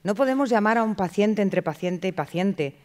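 An animated woman from lectures a conference audience in a mid-range voice. She keeps the talk lively with rhetorical questions and short acted-out phone exchanges. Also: mid-range voice, moderate pace. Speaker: conference speaker. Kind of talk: lecture at a clinical communication conference.

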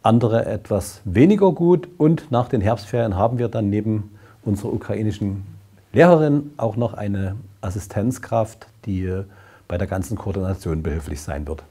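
A man in his sixties, a school principal, speaking formally and at a measured pace to the camera in a classroom, on a lapel mic. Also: on the low side, lively intonation, warm tone, husky. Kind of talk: welcoming, explanatory address to camera.

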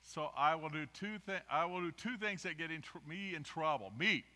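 An older man, a guest preacher, gives a rambling, self-deprecating storytelling sermon at a podium microphone in a large church sanctuary, swinging between loud emphasis and quiet asides. His voice is fairly high and moves at a normal speed. It was filmed from the pews, and the hall is reverberant.

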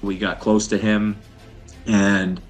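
A man in his thirties on a webcam video call, recounting a rescue at sea in a halting way, full of "uh" and "you know". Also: on the low side, level tone, soft background music. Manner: halting, many fillers and pauses. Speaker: fisherman describing a rescue. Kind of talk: casual interview account. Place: indoor room at home.

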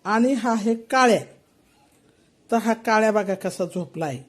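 A woman's voice: medium pitch, a little slow. An older woman, talking casually to her pet cats at home and cooing to them in baby-talk. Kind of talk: casual home video narration.

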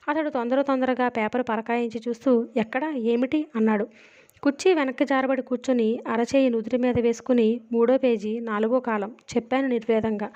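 A woman narrating a novel as an audiobook, reading every character in her own steady, unhurried voice. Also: fairly high pitch, dull audio.

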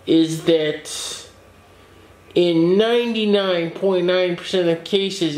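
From a small indoor office workshop with a desk, a man with a fairly high voice gives a casual, slow, steady update on his computer shop. He lays out each repair in plain terms, sometimes restarting a sentence, and the echoey little room makes his voice ring slightly.

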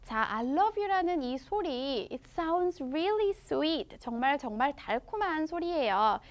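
A woman with a Korean accent teaching children English through a picture book, reading the English slowly and explaining each part in her own language. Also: high voice, sing-song. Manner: slow, exaggerated English read-aloud with quick explanations in her own language. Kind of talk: bilingual storybook lesson for children.

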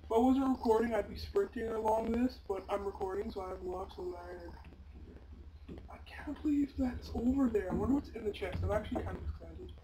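A woman giving casual, chatty gameplay commentary, breaking into sudden loud exclamations. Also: medium pitch, a little fast. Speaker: gameplay video maker. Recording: loud background noise.

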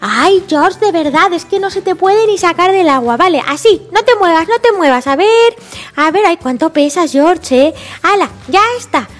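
A woman's voice: very high-pitched, animated, voice pushed up. A woman with a Spain Spanish accent voicing a bossy little girl pig who scolds and fusses over her baby brother. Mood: fussing. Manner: scolding, fussing, quick sighs.

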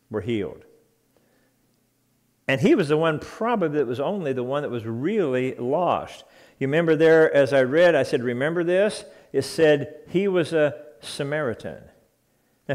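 A man's voice: mid-range voice, a little mellow. A man preaching a sermon in a church, earnest and emphatic, repeating key phrases for weight. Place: church sanctuary.

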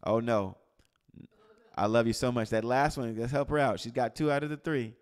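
A man's voice: medium pitch, moderate pace, clean tone. A man preaching an interactive sermon to a live group, quizzing the room and calling on people by name. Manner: animated, swings from loud to hushed. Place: church gathering with a live group.

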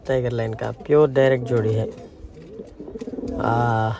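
A man's voice: mid-range voice, flat delivery, unhurried, background noise. A man casually walking visitors around his outdoor pigeon loft and explaining his birds. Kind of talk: casual vlog walkthrough. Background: pigeons cooing.

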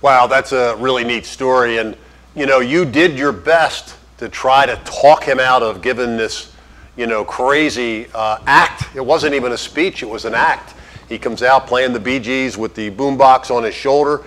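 A man's voice: medium pitch, normal speed, a bit bright, rough recording. Man hosting an interview show. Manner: friendly, promotional. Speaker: show host.

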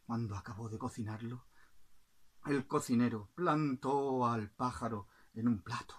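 A woman telling a folk tale to the camera in a playful, expressive way, with sound effects. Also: extremely low pitch, unhurried, husky. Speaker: storyteller. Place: in front of a camera.

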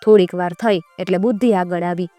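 A woman telling a folk tale in a measured, rhythmic way. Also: lowish voice, steady tone, warm tone, soft background music. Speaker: storyteller.

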